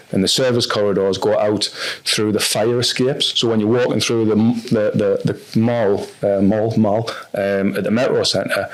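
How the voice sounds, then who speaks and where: Fields: Sex: man. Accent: North East English. Pitch: lowish. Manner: frank, rambling storyteller. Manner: rambling, frank, quick restarts and fillers. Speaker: podcast guest. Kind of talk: candid personal storytelling.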